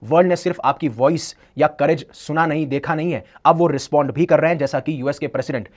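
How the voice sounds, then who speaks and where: Speaking at a quick pace in a fairly high voice, a man lectures on current affairs to prepare students for exams. He mixes English phrases into his Hindi and answers his own rhetorical questions.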